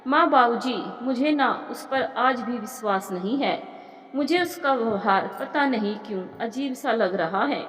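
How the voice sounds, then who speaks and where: A woman voicing a suspicious, sharp-tongued college girl. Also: on the high side, a little slow, natural voice. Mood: doubtful. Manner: sharp, scolding. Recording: echoey room with long reverb.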